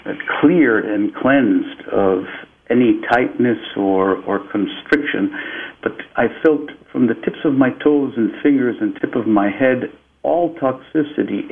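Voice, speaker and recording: A man from Peru, an interview guest, telling a spiritual story in a slow, reflective way and often repeating "and" as he searches for words. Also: medium pitch, gravelly. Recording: tinny phone-like line.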